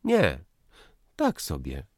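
A man's voice: very deep voice, huge pitch swings, extremely slow, no room sound, studio quality, heavily acted. Man doing a smug, teasing schoolboy graduate. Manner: lightly raised, teasing voice.

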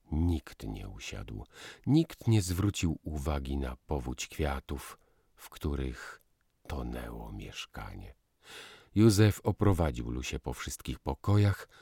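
A man narrating a novel in a measured, expressive reading. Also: very deep voice, husky, no room sound, clean studio sound. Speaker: audiobook narrator.

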